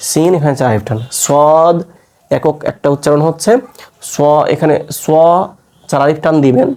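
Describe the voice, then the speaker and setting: A man teaching a Quran recitation class, explaining patiently and stretching letter sounds to demonstrate, tired from fasting. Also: on the high side, fairly even intonation, a little mellow.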